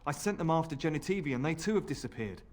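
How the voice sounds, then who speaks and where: A man's voice: fairly high pitch, animated, fast talker. A man playing a worried, evasive scholar's assistant in a video game, speaking formally with earnest hesitation. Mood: anxious, discouraging. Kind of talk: video game character dialogue.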